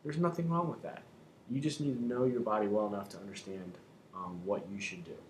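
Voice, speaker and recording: Male fitness coach, lower-pitched, informal and halting explainer, roomy echo on the recording. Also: steady tone. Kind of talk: informal instructional talk. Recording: roomy echo, faint background noise.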